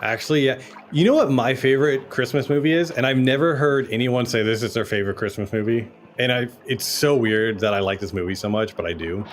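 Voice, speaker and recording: A man's voice: mid-range voice, fairly quick. A young man giving casual, laid-back commentary while streaming a video game, chatting and swearing freely. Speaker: gaming streamer. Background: game music.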